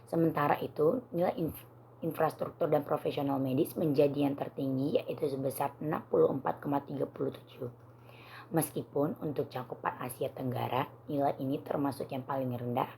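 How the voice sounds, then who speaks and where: A young woman presents in a formal, careful student style. Her voice is low and hoarse, with plenty of creak. Faint noise sits behind her. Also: fairly even intonation, brisk, mellow, poor audio. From Indonesia. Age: young adult.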